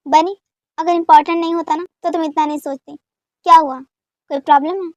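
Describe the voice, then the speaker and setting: A woman voicing a calm, protective father who speaks in a firm, level way. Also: very high voice, moderate pace, no room sound, highs cut off.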